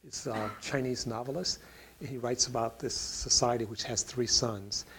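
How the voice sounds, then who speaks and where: Guy on a panel, gravelly voice, rambly with lots of uhs, faint hiss behind. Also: medium pitch, fairly even intonation, normal speed, a bit bright, low-quality recording. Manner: rambling, many fillers and restarts. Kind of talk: panel discussion answer.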